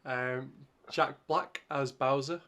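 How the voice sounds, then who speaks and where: A man's voice: mid-range voice, steady tone, unhurried, fairly bright tone. A man co-hosting a casual podcast, hesitant, with many ums and restarts. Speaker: podcast co-host. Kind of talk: casual chat.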